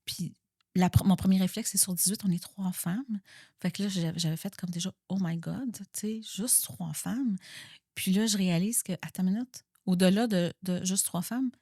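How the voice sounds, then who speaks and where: A woman's voice: medium pitch, moderate pace, warm tone, dry recording, studio quality. A woman with a Québécois French accent speaking as an executive guest, reflective and candid, often restarting and repeating words as she thinks aloud. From Quebec. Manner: reflective, frequent restarts and repeated words, code-switches into English phrases. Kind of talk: candid conversational interview.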